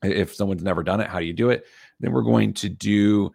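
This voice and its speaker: A man with a hoarse, gravelly voice that is giving out, hosting a casual podcast in a jokey, self-deprecating way. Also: on the low side, a little fast, darkish tone, dry recording, studio quality. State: losing his voice. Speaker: podcast host.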